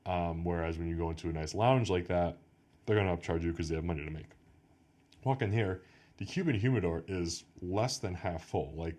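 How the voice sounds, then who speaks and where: A man's voice: low voice, fairly quick, a little mellow. An American man hosting a podcast, chatting casually and rambling through a story with lots of "like". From United States. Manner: rambling storyteller, heavy use of "like". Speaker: podcast host. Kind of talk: casual chat.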